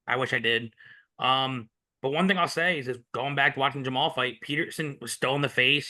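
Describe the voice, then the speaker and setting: A man's voice: mid-range voice, sharp tone. A man co-hosting a sports betting podcast, talking in a rambling, opinionated casual way. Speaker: podcast co-host.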